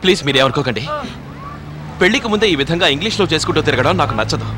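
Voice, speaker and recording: A man's voice: on the high side, expressive, racing, bright, forceful tone, a little hiss or hum. An actor playing a volatile, obsessive young man who swings from pleading to raging threats in a dubbed film. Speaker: film character.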